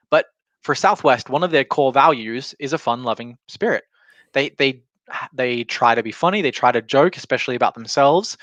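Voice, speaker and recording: A man's voice: mid-range voice, fairly bright tone, no room sound. A man giving an informal explanatory talk as a business trainer, in a conversational way with illustrative examples. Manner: conversational, illustrating points with imagined quotes. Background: alarm going off.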